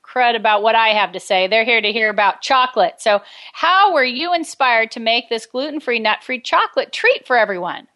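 Bright-voiced woman radio host. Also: fairly high pitch, lively intonation, moderate pace. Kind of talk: interview chat.

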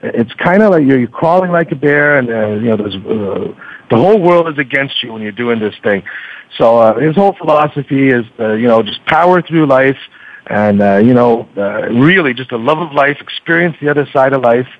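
A podcast host, here interviewed as a guest, talks chattily but hesitantly, full of ums and filler phrases. His mid-range voice has lively intonation at normal speed, with no room sound, though the audio is dull, lo-fi radio quality.

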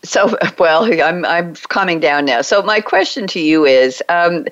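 A woman hosting a business podcast panel, bubbly and quick to laugh, on muffled lo-fi audio. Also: lowish voice, lively intonation, a bit bright, dry recording. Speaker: show host.

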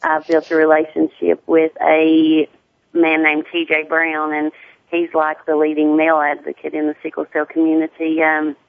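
A woman with a deep Southern US accent, talking casually as a guest in an interview. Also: monotone, normal speed, creaky, dry recording. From Tennessee. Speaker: guest, sickle cell awareness advocate. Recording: muffled narrow phone-like line.

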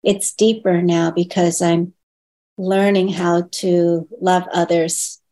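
Born in Hong Kong and raised in the United States, this woman is a guest in a reflective personal interview. She speaks thoughtfully, with pauses and restarts, and raises her voice when quoting others. Her voice is lowish and dark in tone, and her delivery is flat.

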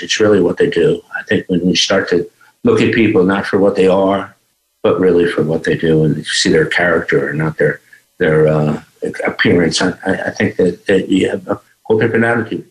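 A mature man speaking as a guest teacher, reflective and halting, often restarting his phrases. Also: deep voice. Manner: halting, with repeated starts. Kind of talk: reflective unscripted talk. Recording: echoey room sound.

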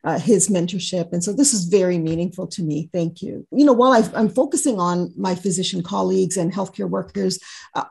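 A woman's voice: on the low side, a little fast, creaky, darkish tone, slightly rough. A woman from Canada speaking as an expert guest in a radio interview. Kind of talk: interview conversation.

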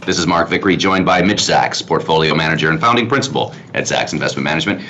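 A man's voice: a bass voice, quick pace, sharp tone. A man hosting a financial talk radio show in a conversational style. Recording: dull lo-fi sound, faint noise.

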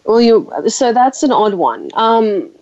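A hoarse woman hosts a relaxed chat, teasing and joking with her guest. Her voice comes through slightly dull and muffled. The sound is close and dry. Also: fairly high pitch, takes it slowly, dry recording. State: hoarse from a sore throat. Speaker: host. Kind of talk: casual chat.

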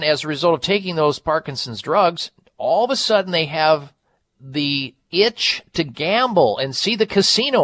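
A man's voice: medium pitch, a bit bright, no echo. An American man hosting a radio talk show, addressing his listeners in a monologue. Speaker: radio health show host.

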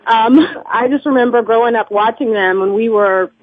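A woman's voice: a little high, moderate pace, dry recording. Woman caller on a clipped phone line. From Georgia, US. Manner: chatty, laughs between remarks. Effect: thin, clipped telephone line. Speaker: caller to a radio show. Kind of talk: casual phone chat. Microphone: telephone. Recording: narrow-band phone call, dry.

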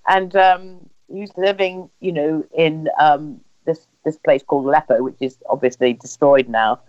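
In a low, slightly mellow voice with fairly even intonation and a moderate pace, a woman from England shares personal family stories as an interviewee. She speaks conversationally with an English accent and acts out remembered dialogue as she goes. The recording sounds slightly dull and lo-fi.

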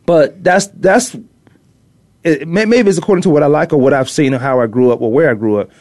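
This casual sports talk show is hosted by a middle-aged Virginian from the US East Coast who used to be a pro defensive back. His fairly high voice is a little fast with a darkish tone, with no echo, and he rambles opinionatedly, repeating things for emphasis.

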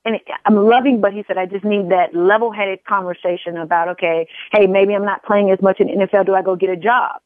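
A woman's voice: mid-range voice, dry recording. Earnest woman on a tinny phone line. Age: 40s. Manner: earnest, repeats phrases for emphasis. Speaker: guest, empowerment coach. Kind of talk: casual interview conversation.

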